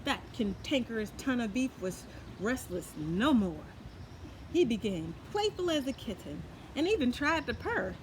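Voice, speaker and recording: Unhurried and folksy, a woman with a slightly high voice tells a children's story with plenty of expression, occasionally stepping in with remarks of her own. Constant background noise and the sound of passing traffic run beneath her reading.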